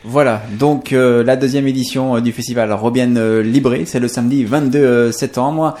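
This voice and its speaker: A man hosting a radio studio interview, relaxed and conversational with fillers. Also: mid-range voice, normal speed. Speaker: radio host.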